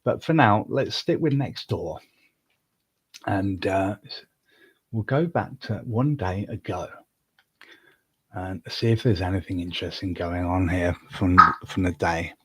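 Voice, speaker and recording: A man's voice: low voice, measured pace, long pauses, slightly rough, dry recording. A man from England, hosting a casual solo livestream from home and rambling with fillers and restarts. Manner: rambling, self-talking, with many fillers and restarts; coos softly at his cat. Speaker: livestream host. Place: home room.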